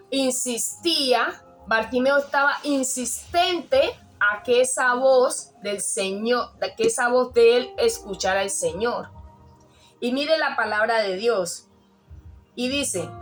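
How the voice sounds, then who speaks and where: A woman preaching a sermon in an earnest, repetitive way, restarting phrases and rising when she quotes a cry. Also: on the high side.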